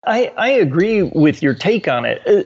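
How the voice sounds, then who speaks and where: Male radio guest, halting stuttery delivery, slightly higher pitch, muffled lo-fi audio. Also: sing-song, slightly rough. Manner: halting, stuttering, restarts and fillers. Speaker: state senator, radio guest. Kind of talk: political radio interview. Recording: muffled lo-fi line.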